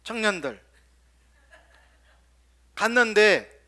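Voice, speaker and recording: A male pastor preaching a sermon, firing rhetorical questions at the congregation and dropping into soft, quiet asides. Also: high-pitched, animated, extremely slow.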